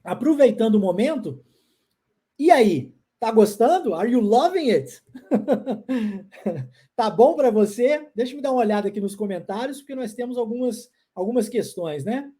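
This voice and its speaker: A Brazilian woman leads a live online pronunciation class, her voice husky and a little breathy. Her pitch rises and falls expressively. She drills phrases patiently and keeps asking if the learners are following. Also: animated, warm tone. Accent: Brazilian Portuguese. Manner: encouraging, drills phrases slowly with repeated check-ins. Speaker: English pronunciation teacher.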